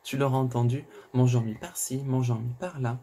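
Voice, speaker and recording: A man's voice: mid-range voice, fairly even intonation, brisk, a little mellow, close to an everyday voice. A man reading as a blunt, weary male nurse. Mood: gossiping. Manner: matter-of-fact, curt.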